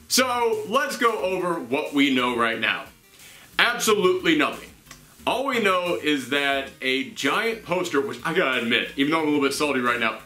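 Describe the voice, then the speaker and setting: Bright, animated man in a hissy, roomy recording. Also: on the high side. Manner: animated, sarcastic, exasperated. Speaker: host of a comics show. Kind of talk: energetic vlog commentary to camera. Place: small indoor room with shelves. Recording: roomy, with steady background hiss.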